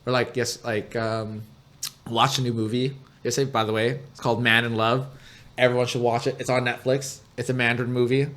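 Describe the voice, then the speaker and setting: A man's voice: medium pitch, flat delivery, brisk, a bit bright. Chatty young man, laughing co-host. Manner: chatty, rambling, laughs often. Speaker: podcast co-host. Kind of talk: casual chat.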